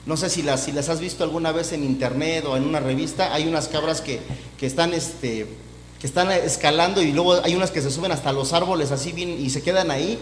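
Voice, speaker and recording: A man's voice: fairly high pitch, fairly quick. A man preaching a sermon as pastor, talking conversationally, often restarting his phrases and acting out other people's voices. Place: church. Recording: echoey church hall with faint hum.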